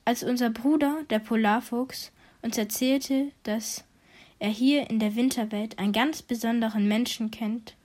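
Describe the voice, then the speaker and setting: A woman's voice: on the high side, fairly even intonation, unhurried, darkish tone. A woman voicing three hopeful foxes in a storybook who speak together, earnest and pleading.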